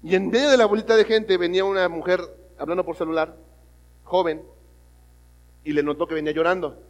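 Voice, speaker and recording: High-voiced preacher in a reverberant hall. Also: male voice, steady tone, a little fast. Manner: storytelling, swings from loud emphatic to soft and hushed. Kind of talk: sermon. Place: church hall. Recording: long reverb of a church hall.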